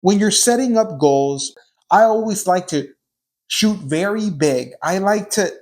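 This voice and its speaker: A man's voice: high-pitched, animated, unhurried, a little mellow. A man in his thirties hosting a solo motivational podcast, earnest and repetitive, firing off rhetorical questions to his listeners. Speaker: podcast host.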